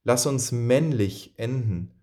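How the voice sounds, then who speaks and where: A man reading the lines of a grave, resolute male friend who is saying farewell, in a solemn, measured way. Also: mid-range voice, mellow, close to an everyday voice. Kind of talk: audiobook reading of quoted speech.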